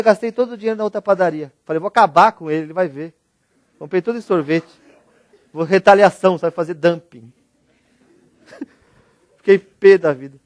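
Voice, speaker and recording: A middle-aged man from Brazil giving a motivational talk, telling personal stories in an animated, joking way and speaking straight to the audience. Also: high-pitched, dry recording, clean studio sound. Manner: animated, jokey, addresses audience directly. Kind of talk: storytelling keynote talk.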